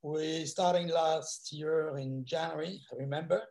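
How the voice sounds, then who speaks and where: A French man speaking English with a French accent on a video call, halting and repeating himself. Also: on the high side, fairly even intonation, creaky, a little mellow. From France. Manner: halting, repetitive phrasing with non-native grammar. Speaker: real estate agent.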